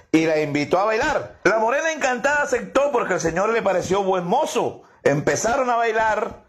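Animated high-voiced male joke teller. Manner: animated storyteller, acts out voices and shifts pitch for characters. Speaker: comedian telling jokes. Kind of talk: joke telling.

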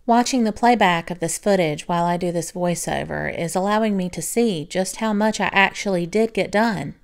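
Woman doing a cozy vlog voiceover, smooth clear voice, talks soft and easy like she's confiding. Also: fairly low pitch, moderate pace. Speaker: vlogger. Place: home, recorded as a voiceover.

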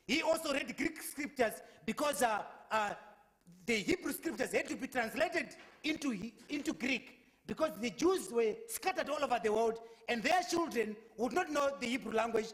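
Standing at a lectern in front of a brick wall in a lecture hall, a young man preaching in a public debate quotes verses at length with earnest conviction and repeats words as he restarts. His very high-pitched voice is expressive and fairly bright, at a moderate pace.

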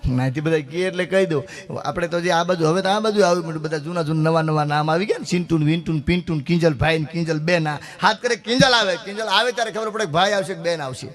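A middle-aged man, telling rustic folk jokes on stage and switching quickly into the voices of his characters. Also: a little high, a bit bright, soft background music. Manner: rapid rustic joke-telling with dialogue voices. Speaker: folk comedian. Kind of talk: stage folk humor storytelling.

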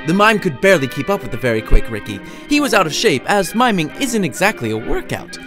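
A man reads his own short story as scripted narration, delivering it in a dramatic, playful storytelling style. His voice is on the high side, sing-song and fast, with music underneath.

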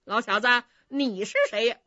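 A woman voicing an arrogant, boorish male general who shouts and brags, in a dry, slightly dull recording. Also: fairly high pitch, moderate pace, no room sound. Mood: bullying. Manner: bullying, shouting, boastful.

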